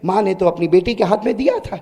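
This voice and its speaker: A man preaching a dramatic story sermon, animated and prompting the crowd to answer him. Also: sits high, breathy edge. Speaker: preacher, Quran reciter. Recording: long hall reverb.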